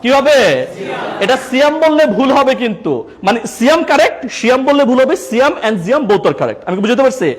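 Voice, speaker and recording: A man's voice: extremely high pitch, expressive, fast talker. A man with a Bangladeshi Bengali accent teaches a room of teachers, drilling them with call-and-response questions and joking with them. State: sweating. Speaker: teacher trainer. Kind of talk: classroom teaching. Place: training classroom.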